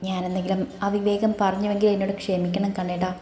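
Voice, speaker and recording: A woman's voice: mid-range voice, little pitch movement, quick pace, lightly acted. A woman voicing a timid young wife who pleads hesitantly with her husband in a story reading. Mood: pleading. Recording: echoey room with soft music.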